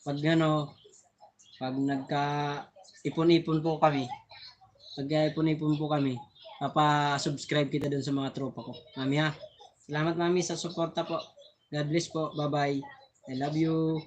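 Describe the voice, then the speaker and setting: A man's voice: a little high, level tone, unhurried, long pauses, slight background noise. A man hosting a casual live stream on his phone, chatting and laughing often as he thanks viewers, sometimes tripping over his words.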